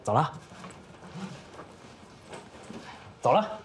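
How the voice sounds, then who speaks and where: A man's voice: quick pace, slight background noise, close to an everyday voice. An actor playing a young husband who coaxes and pleads with his wife. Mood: upbeat. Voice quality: pleading and repetitive when apologizing. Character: eager, sheepish young husband. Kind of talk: short drama acting. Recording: music bed under the dialogue.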